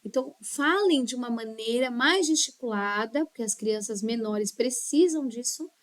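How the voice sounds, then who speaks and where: A woman teaching a children's ministry course, explaining in a lively, instructive way and checking in often with her listeners. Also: a little high, normal speed, dry recording. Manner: animated, gestures a lot while talking. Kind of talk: online course lesson. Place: small children's classroom.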